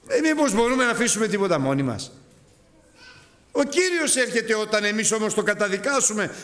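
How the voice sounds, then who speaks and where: In a large hall, a man preaches animatedly on a Gospel passage. He swings from high exclamations to low asides and acts out the voices of those he quotes.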